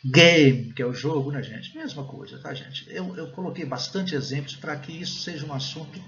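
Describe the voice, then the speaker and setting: A man's voice: fairly high pitch, moderate pace, creaky, lo-fi sound, crowd noise. A Brazilian man with a Brazilian Portuguese accent gives an online English pronunciation lesson, explaining step by step and often adding "né?" and "gente".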